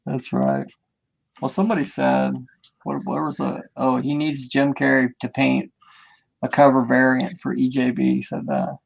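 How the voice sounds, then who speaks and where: A man's voice: mid-range voice, animated, unhurried, gravelly, pauses often, poor audio. A man chatting casually on a comics livestream in a rambling, colloquial, teasing way. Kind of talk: casual chat, joking and swearing.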